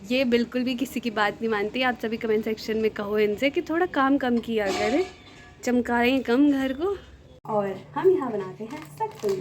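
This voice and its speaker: A young woman chatting casually to her viewers as she cooks at home, sometimes lowering her voice to keep the house quiet. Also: slight background noise. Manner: chatty, talks to viewers directly; speaks softly at times to keep the house quiet. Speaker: vlogger. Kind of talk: casual home vlog narration.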